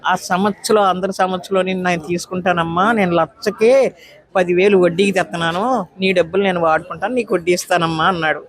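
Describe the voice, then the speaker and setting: A woman's voice: fairly low pitch, fairly even intonation, fairly quick. A woman in her nineties, an elderly petitioner, giving a long, pleading account of her grievances in an interview. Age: 90s. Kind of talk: emotional interview testimony.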